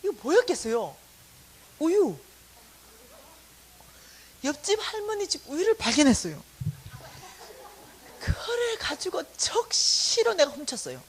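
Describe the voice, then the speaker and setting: A woman's voice: very high voice, measured pace, long pauses, rough recording. A middle-aged woman, a church staff lecturer, telling a personal testimony in a sermon style and acting out the quotes. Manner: animated storytelling, acting out quotes. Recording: faint hiss.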